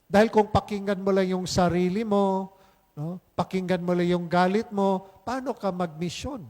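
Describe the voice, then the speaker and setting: A man's voice: sits high, steady tone, normal speed, a little mellow. A male priest giving a conversational homily at Mass, mixing English into Filipino and often checking in with "di ba?" and "okay?", with playful asides. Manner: conversational, keeps asking "di ba?" and "okay?"; mixes English phrases into Filipino. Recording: long hall reverb.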